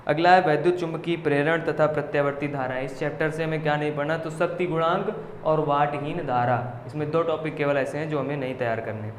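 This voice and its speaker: A man's voice: on the high side, a little fast, hardly any pauses. A male coaching teacher steadily reading out a list of syllabus topics and checking in with his students as he goes. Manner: steady listing with frequent "theek hai" check-ins. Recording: echoey room with faint noise.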